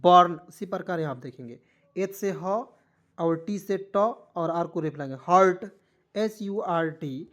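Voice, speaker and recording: A man leads a video lesson on English spelling. He spells each word out letter by letter, then repeats it slowly and patiently. He keeps talking straight to the viewers as his friends. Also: a little high, a bit bright. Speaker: English teacher. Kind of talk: online spelling lesson in Hindi.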